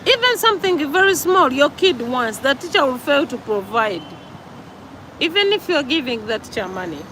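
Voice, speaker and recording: A Ugandan woman with a Ugandan accent speaks slowly and deliberately in a slightly high voice, repeating her points in an earnest, preachy vlog monologue. She records outdoors by a road, and clear traffic noise runs behind her voice. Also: fairly bright tone, rough recording. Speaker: vlogger.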